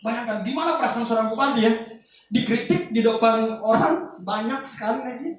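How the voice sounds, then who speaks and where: Loud joking man in an echoey room. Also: very high-pitched, a little fast. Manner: loud, joking, animated teaching with asides. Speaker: youth group speaker. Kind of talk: casual lecture to a group. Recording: very echoey, distant, faint noise.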